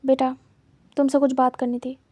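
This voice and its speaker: A woman's voice: high-pitched, little pitch movement, moderate pace, no room sound, muffled recording. A woman voicing a stern middle-aged father who speaks in curt, matter-of-fact orders.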